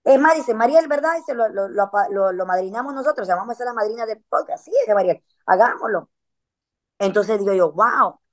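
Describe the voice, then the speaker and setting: A woman's voice: on the high side, lively intonation, brisk, darkish tone. A woman, chatting casually as a podcast guest and telling a story in a slangy way, with frequent filler words.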